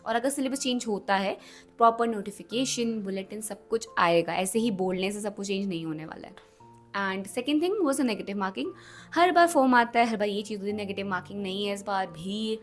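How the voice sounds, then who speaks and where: A young Indian woman with a fairly high-pitched, slightly hoarse voice explains things to exam aspirants on her YouTube channel. Her casual explainer vlog switches between Hindi and English, and her style is chatty, emphatic, and reassuring.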